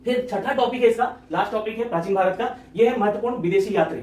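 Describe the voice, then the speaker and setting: A man teaching an exam-prep lecture, talking quickly and repetitively, often checking in with his listeners. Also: high voice, a little mellow, roomy sound, distant mic, a little hiss or hum.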